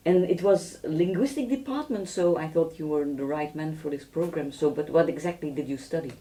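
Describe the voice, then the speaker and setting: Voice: mid-range voice, fairly quick, warm tone. A radio co-host, asking guests casual, chatty questions in a studio. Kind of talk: radio interview.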